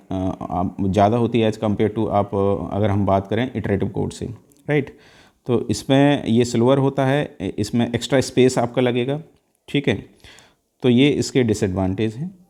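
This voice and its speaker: A male teacher explains code for an exam in a dark, mellow voice, mixing Hindi and English. He works through each step patiently and often fills pauses with a drawn-out "uh". The tone stays steady and classroom-like throughout. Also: medium pitch. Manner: mixes Hindi and English, steps slowly through each value with many "uh" fillers. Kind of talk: exam-prep lecture walking through code.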